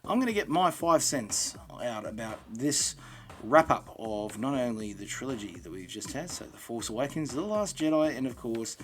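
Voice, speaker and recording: A man's voice: medium pitch, sing-song, moderate pace, a bit bright. Australian man hosting a casual podcast. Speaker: podcast host. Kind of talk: casual solo podcast monologue.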